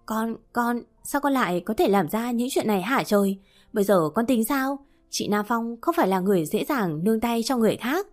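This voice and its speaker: A woman voicing an anxious middle-aged mother who gently coaxes her family. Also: a little high, lively intonation, a little fast, faint music behind, lightly acted. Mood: shocked.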